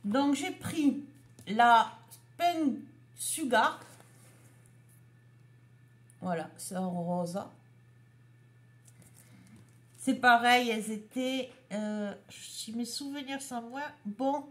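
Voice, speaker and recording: A woman chatting casually as she shows a craft haul, item by item. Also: a little high. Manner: slow, chatty, showing items one by one. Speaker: craft vlogger.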